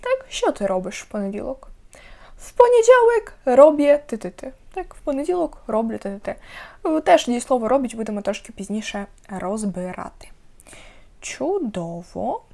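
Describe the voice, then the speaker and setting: A young woman teaching a beginners' language lesson, repeating example words slowly and clearly for learners. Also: on the high side, very animated, dark tone.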